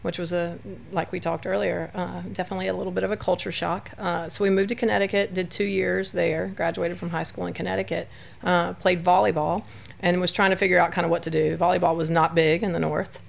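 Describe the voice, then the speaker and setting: Chatty woman from West Texas, gravelly low voice. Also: little pitch movement, brisk. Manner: chatty, uses many fillers. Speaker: podcast guest. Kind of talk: casual conversational storytelling.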